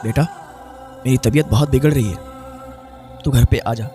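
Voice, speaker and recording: A male preacher voicing a worried, ailing old mother who gently pleads with her son. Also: medium pitch, moderate pace, faint music behind, voice pushed down, close to an everyday voice. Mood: pleading.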